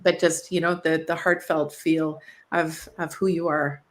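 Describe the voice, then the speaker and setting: A woman moderating a panel over a video call, reading prepared introductions in an earnest, admiring way and halting when she ad-libs. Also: low voice, flat delivery.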